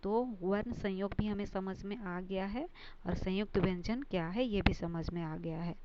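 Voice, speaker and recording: A woman's voice: mid-range voice, moderate pace. A woman teaching a Hindi grammar lesson, repeating each point and glossing terms with English words. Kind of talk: slow classroom grammar lesson. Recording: dull lo-fi recording with steady noise.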